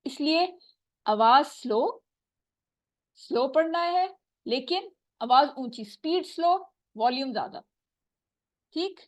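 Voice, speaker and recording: A woman teaching Quran recitation, patiently explaining and slowly repeating sounds to demonstrate them. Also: high voice, lively intonation, no room sound. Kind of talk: tajweed lesson.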